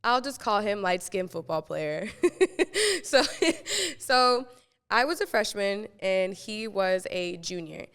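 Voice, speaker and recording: Telling casual stories about her life, a young Bay Area woman hosts a podcast in a chatty, slangy way packed with fillers. She speaks slowly and expressively at medium pitch, her tone fairly bright and smooth against a big-room sound.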